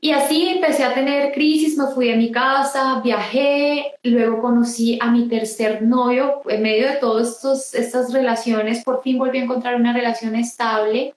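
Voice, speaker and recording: A woman giving an emotional personal testimony in an interview, halting and restarting often. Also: on the high side, fairly even intonation, roomy sound, poor audio. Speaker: interview guest.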